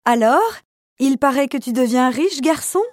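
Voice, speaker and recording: A woman's voice: high-pitched, normal speed, a little mellow, no room sound, clean studio sound, voice pushed up, lightly acted. A woman reading as a sly envious neighbor. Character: sly envious male tailor neighbor, mid-twenties.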